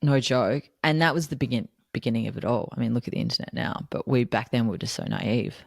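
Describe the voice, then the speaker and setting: Very deep-voiced woman in her thirties. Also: fast talker, vocal fry, a little mellow, no echo. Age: 30s. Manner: dry, teasing banter. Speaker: podcast co-host. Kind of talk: casual chat.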